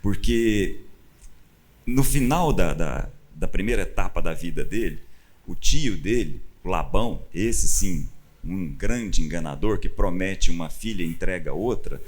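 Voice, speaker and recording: A Brazilian man preaching in a conversational teaching style, animated and acting out the people he quotes. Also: deep voice, measured pace. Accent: Brazilian Portuguese. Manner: animated, acts out quoted voices with rising emphasis. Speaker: pastor. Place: church stage.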